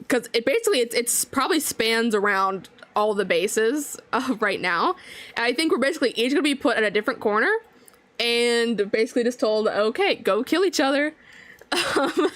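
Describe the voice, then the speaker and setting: A woman's voice: fairly high pitch, fairly bright tone, no room sound. A woman casually explaining a Minecraft challenge as she plays, chatty, with many fillers. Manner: chatty, filler-heavy, laughs between phrases. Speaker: Minecraft server player. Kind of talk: casual gaming commentary.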